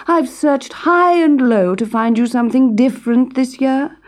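A woman voicing a spoiled young princess who speaks in a high, petulant, sulky way, reading a storybook. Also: measured pace. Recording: music playing behind.

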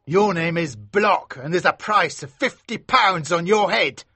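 A man voicing a greedy, threatening grown man who shouts and demands in a shrill, husky tone. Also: lively intonation, a little slow, dry recording, heavily acted. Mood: greedy demanding.

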